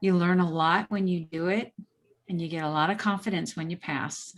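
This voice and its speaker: A woman, a club's new certification liaison, explaining slowly and haltingly on a video call. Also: on the low side, loud music behind the voice. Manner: slow, halting, with ums and laughs. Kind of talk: casual video call chat.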